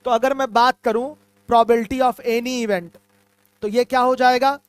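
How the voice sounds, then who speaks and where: A man's voice: very high-pitched, steady tone, measured pace, clean tone, no room sound. A male math teacher giving an online class, patiently repeating key terms and calling his students "my children".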